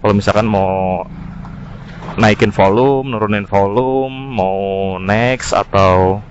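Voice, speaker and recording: Recorded through a helmet intercom while he rides a scooter outdoors in city traffic, this man informally reviews gear as a motovlogger, slipping in English terms. He talks at a slow pace in a fairly low pitch. The dull intercom sound carries faint vehicle, traffic and engine noise.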